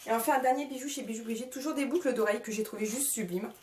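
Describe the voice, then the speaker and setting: A woman's voice: on the high side, racing, darkish tone, slight background noise. A woman talks through a shopping haul in casual vlog style, gushing with lots of fillers, recorded on a camcorder mic. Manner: gushing, with frequent fillers and repeated praise. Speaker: vlogger. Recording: roomy echoey room.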